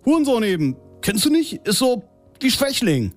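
A man voicing a foul-mouthed seven-year-old boy, shrill and indignant. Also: big pitch swings, moderate pace, faint music behind. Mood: defiant.

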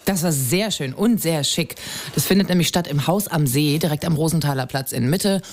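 A woman's voice: sits low, moderate pace, a little mellow. A woman radio reporter giving a chatty studio report, full of fillers and hesitations.

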